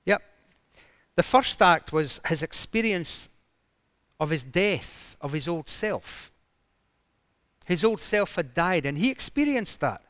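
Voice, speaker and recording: A man's voice: high voice, lively intonation, takes it slowly, pauses often, a bit bright, no room sound. A man preaching a sermon, retelling a story dramatically with emphatic rises in his voice.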